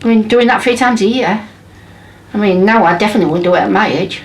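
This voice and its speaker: A woman's voice: medium pitch, fast. Blunt English woman in her fifties. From England. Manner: blunt, emphatic storytelling. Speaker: mother interviewed for a documentary. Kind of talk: documentary interview. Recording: distant mic with faint background ambience.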